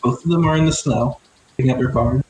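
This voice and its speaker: A man narrating a tabletop game as game master, giggly and animated, often breaking into laughter. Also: medium pitch, fast talker. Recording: roomy echo, faint noise.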